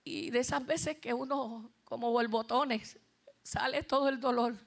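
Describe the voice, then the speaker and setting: Middle-aged woman, Puerto Rican accent, fairly high voice, church testimony, heartfelt, talks straight to the congregation. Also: fairly even intonation, a little slow, creaky. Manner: heartfelt, speaks directly to the congregation. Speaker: worship singer giving a testimony.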